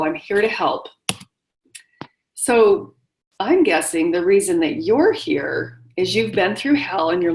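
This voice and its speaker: A middle-aged woman, a webinar host and widowhood coach, speaks directly and encouragingly to listeners in a motivational webinar. Her voice is lowish, and the recording is rough.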